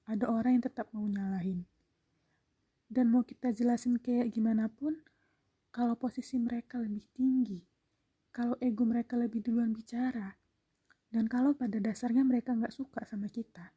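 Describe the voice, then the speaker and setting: This young woman hosts a solo podcast, offering an intimate, reflective monologue in a breathy, half-whispered way. Her voice sits on the high side, and the sound is lo-fi.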